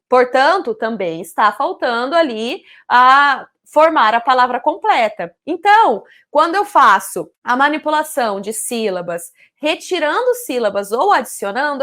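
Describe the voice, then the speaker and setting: A woman, a literacy educator explaining syllable activities to teachers in a clear, didactic manner, asking rhetorical questions. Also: high voice, a bit bright. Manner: clear, didactic, speaks syllables slowly to demonstrate; addresses teachers directly, asks rhetorical questions. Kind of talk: teaching video with product promotion.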